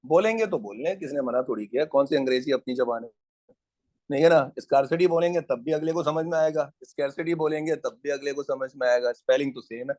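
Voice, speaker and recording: A man's voice: mid-range voice, a little fast, darkish tone, no room sound. A man teaching an economics class in a casual, joking way, drilling his students on pronunciation.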